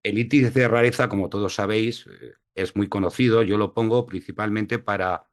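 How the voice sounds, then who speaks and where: A man's voice: fairly low pitch, fairly even intonation, moderate pace. A man from La Mancha giving an online lecture, hesitant with many fillers, over a video call. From La Mancha, Spain. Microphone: video call mic.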